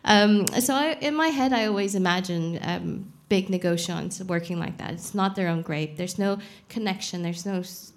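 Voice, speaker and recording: A woman's voice: lowish voice, moderate pace, few pauses. A young adult woman, a champagne expert guest on a live podcast, explaining frankly and casually, swearing now and then. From Saudi Arabia.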